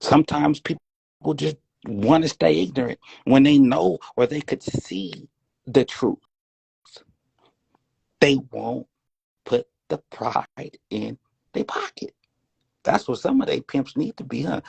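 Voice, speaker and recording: A man's voice: mid-range voice, animated, slow, gravelly, pauses often, darkish tone, husky, no echo. A man giving a rambling, preachy casual monologue, now and then dropping to a whisper.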